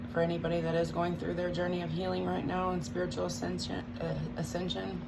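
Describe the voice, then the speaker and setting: Chewing gum, a tarot reader gives a casual, hesitant, rambling spiritual talk. Her voice sits low with vocal fry, and the recording has loud background noise.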